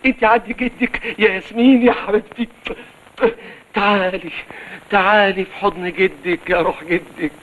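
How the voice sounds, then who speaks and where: An actor playing a doting, sentimental older grandfather in a 1950s film, warm and pleading in manner. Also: sits high, fairly even intonation, normal speed, rough recording. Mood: tender. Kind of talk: 1950s Egyptian film acting. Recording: old film soundtrack, audible hiss.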